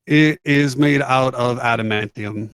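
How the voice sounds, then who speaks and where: A man's voice: mid-range voice, unhurried, fairly bright tone, smooth, no echo, clean studio sound. A man narrating and running a tabletop role-playing game in a playful, teasing way. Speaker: game master.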